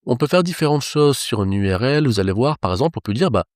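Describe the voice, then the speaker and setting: A man's voice: mid-range voice, expressive, fast talker, darkish tone, no echo, studio quality. A man teaching web development, explaining each step of a screen-recorded tutorial to his viewers.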